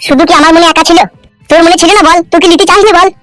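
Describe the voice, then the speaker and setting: A woman voicing a poor, crude village husband in a cartoon, speaking in a with rapid, defensive scolding. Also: very high-pitched, steady tone, fairly bright tone. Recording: faint background music.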